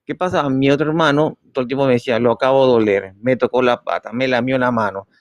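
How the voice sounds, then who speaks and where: A man's voice: medium pitch, fast talker, no echo. A man telling a personal story in a casual live stream, acting out the dialogue. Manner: animated storyteller, acting out quoted dialogue with dropped soft voice.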